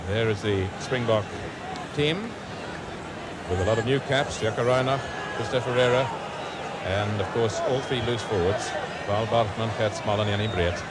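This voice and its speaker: A man giving live rugby commentary, his voice leaping up with excitement during play. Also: fairly low pitch, moderate pace. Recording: noisy 1980s stadium broadcast.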